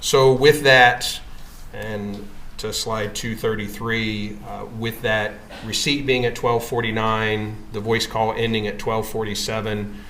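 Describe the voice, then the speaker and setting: Man, courtroom witness, monotone delivery, measured and formal, echoey room, noticeable background noise. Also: on the low side. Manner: measured, formal, matter-of-fact. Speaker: witness presenting records in court. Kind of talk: courtroom testimony with slides.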